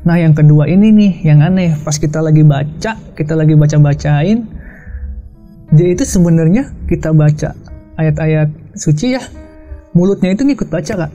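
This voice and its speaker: A man telling a story of his own in a casual, hushed, halting way, often quoting himself and others. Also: on the high side. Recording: dull lo-fi sound with faint music.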